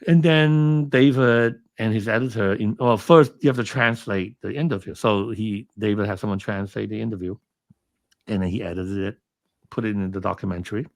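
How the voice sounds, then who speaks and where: A man's voice: lowish voice, moderate pace, no echo. A man from Hong Kong, a guest in an interview, telling a story casually with lots of fillers and restarts. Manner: rambling with many fillers and restarts. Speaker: interview guest, film commentator.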